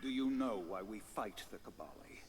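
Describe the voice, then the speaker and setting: An actor playing a proud, vengeful alien warlord in a video game, speaking in a grave, villainous, declamatory way over a faint hum. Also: male voice, lowish voice, moderate pace, natural voice. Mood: stern.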